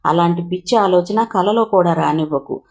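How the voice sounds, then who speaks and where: A woman reading a novel aloud, voicing an earnest young man who pleads calmly and tenderly in a low, steady tone. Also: moderate pace, lightly acted. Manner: calm, low-voiced pleading.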